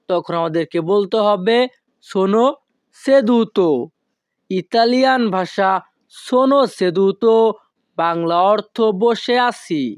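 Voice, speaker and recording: A woman giving a scripted language lesson, speaking slowly and carefully and repeating each phrase several times. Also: medium pitch, darkish tone, clean tone, no echo, studio quality. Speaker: language teacher.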